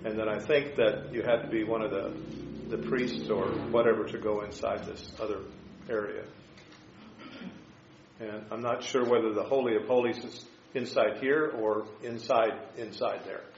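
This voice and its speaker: A man teaching an informal Bible class, explaining scripture and history in a halting, tentative way. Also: lowish voice, fairly even intonation. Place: echoing room, teaching a class. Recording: echoey room, dull sound, faint noise.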